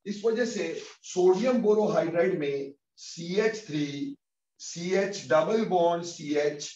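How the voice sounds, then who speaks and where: High-voiced chemistry teacher, echoey room. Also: male voice, lively intonation, warm tone. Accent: Hindi-English mix. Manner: calls students "beta", dictates formulas slowly. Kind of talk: online class lecture. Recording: muffled, echoey, far from mic.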